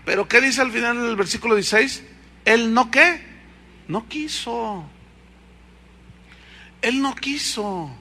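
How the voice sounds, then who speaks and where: Bright-voiced Mexican preacher. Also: male voice, very high voice, normal speed. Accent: Mexican Spanish. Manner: animated storytelling, reads scripture aloud, asks the congregation questions. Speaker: pastor. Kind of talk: sermon.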